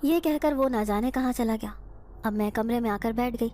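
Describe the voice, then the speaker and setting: Woman storyteller, emotional first-person horror narration, slightly high voice. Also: darkish tone, a little hiss or hum.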